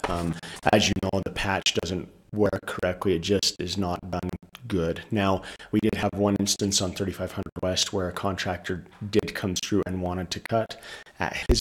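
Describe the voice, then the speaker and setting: A man presenting a project at a county commission meeting, speaking in a steady monotone. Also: low voice. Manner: monotone, measured.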